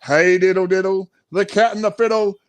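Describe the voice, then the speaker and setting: A middle-aged Australian children's author reads his own picture book aloud and chats in a playful, theatrical way. His voice is high-pitched with fairly even intonation, and he speaks at a normal speed.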